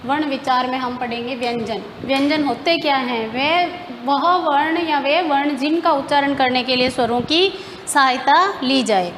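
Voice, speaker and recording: A woman's voice: sits high, moderate pace, fairly bright tone, in a large hall, slight background noise. A woman teacher explaining grammar step by step in a classroom lesson, asking questions and answering them herself.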